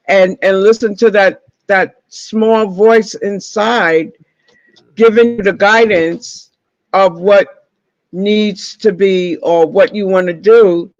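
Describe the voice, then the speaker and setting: High-voiced, unhurried male interview host. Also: no echo. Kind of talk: casual community interview. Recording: dull, lo-fi audio.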